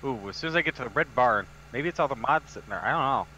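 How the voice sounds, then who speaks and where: A man with a bright, sharp voice chats casually while playing a farm game with friends. He ribs them in a dry, matter-of-fact way. His mic sounds dull and lo-fi, with faint noise underneath. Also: medium pitch, lively intonation, fast talker. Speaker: co-player on a stream. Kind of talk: casual gaming chat.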